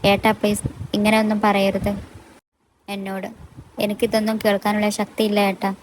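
A woman voicing a tearful, shy young wife in a storybook, pleading softly. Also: medium pitch, completely flat delivery, brisk, slight background noise, lightly acted, rough recording. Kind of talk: storybook dialogue reading.

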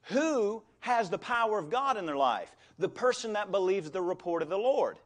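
A man preaching a sermon as pastor of a church, animated, with call-and-response to the congregation and acted-out quotes. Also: high-pitched, normal speed. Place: church sanctuary.

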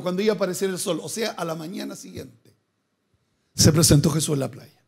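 A pastor delivers a sermon in a notably high voice. He poses question after question to his congregation. He drives his points home with bursts of repeated words. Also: creaky. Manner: preaching with rising emphatic bursts and repeated words.

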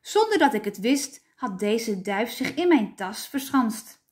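A woman reading aloud, voicing a formal, reassuring male doctor who gives a measured televised talk. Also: a little high, sing-song, darkish tone. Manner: measured, addressing an audience.

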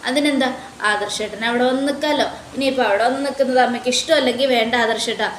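A woman voicing a gentle, devoted young woman lying in hospital, speaking softly and earnestly. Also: a little high, fast, reverberant, slight background noise, close to an everyday voice. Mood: reassuring.

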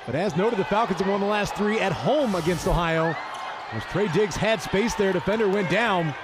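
High-voiced man in fast sports commentary. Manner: clipped, urgent play-calling. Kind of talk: fast live basketball commentary. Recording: noisy arena with crowd behind. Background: crowd and bouncing basketball in arena.

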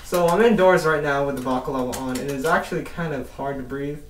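A young man talks fast in a slightly high voice, muffled by the balaclava and mask he's wearing, as he casually reviews an airsoft mask indoors. It's a rambling gear vlog with mild swearing. There is slight background noise, and the camera audio is roomy and distant.

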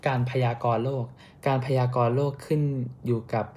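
A young Thai man reading a class report on a medical topic, careful and steady, with small slips and restarts. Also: mid-range voice, moderate pace, slight background noise. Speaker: student presenter.

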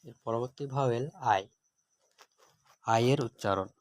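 A man teaching a grammar lesson, reading out words one at a time with their meanings in a measured, dictating way. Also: mid-range voice, no echo. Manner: measured, word-by-word dictation with translations.

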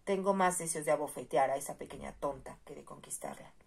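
An indignant young marquis full of aristocratic pride, as a woman narrator reads him in a low, husky voice. He speaks forcefully and sounds exasperated, as in a storybook reading. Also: brisk, heavily acted. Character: proud angry young male marquis.

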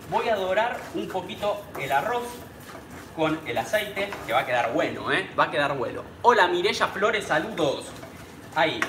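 A chatty man with a Rioplatense Spanish accent hosts a live cooking stream, his slightly high voice chatting along as he works. He sounds like he is in a small, echoey home kitchen with a faint hum of noise behind him. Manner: chatty, greets viewers by name, speaks as he cooks. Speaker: cooking channel host.

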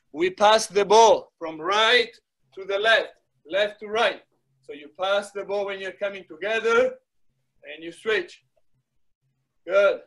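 A man's voice: sits high, fairly bright tone, poor audio. A middle-aged man coaching a live workout, giving short repeated commands with words of encouragement. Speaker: soccer fitness coach. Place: small wood-panelled indoor room. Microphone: device mic a few metres away.

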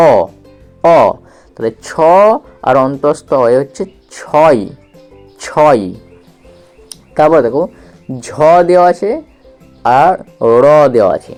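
A man with a slightly high voice teaches children to read, slowly and patiently. He sounds out each letter, repeats the syllables and keeps checking that the listener follows. Soft music plays faintly behind him. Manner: asks the listener questions. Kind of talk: slow patient reading lesson for children.

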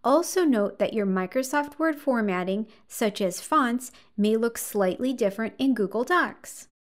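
Calm woman giving a software tutorial. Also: fairly high pitch, dry recording, clean studio sound. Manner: calm, measured, step-by-step instruction. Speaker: tutorial host.

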